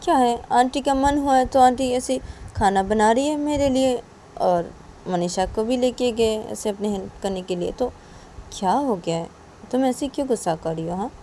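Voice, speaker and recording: A woman voicing a gentle young woman who keeps pleading with her angry friend to calm down. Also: mid-range voice, slight background noise, lightly acted. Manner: coaxing, pleading, repetitive.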